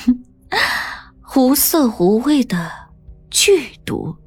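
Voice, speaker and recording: A woman's voice: big pitch swings, drawn-out words, a little mellow, husky, no echo, soft background music, exaggerated voice. A woman voicing a cold, scheming pregnant young woman who speaks in an icy sneer. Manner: icy, sneering, low-voiced.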